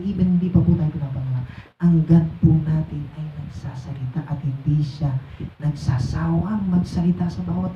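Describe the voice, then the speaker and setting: A high, thin-voiced man preaches, coaxing and exhorting his congregation with frequent fillers. He sounds set back from the mic in a roomy hall. The sound is dull and muffled, with a faint hiss behind him. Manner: exhorting, mixing English phrases, many "ano" fillers. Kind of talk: sermon. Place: church hall. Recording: echoey, distant and dull room recording.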